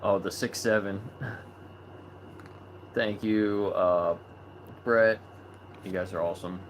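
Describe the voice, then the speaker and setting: Hosting a live video chat on animal rights, a man talks slowly in a fairly low voice. His manner is loose and easygoing, with plenty of ums, fillers and little restarts. Constant noise hums under the audio.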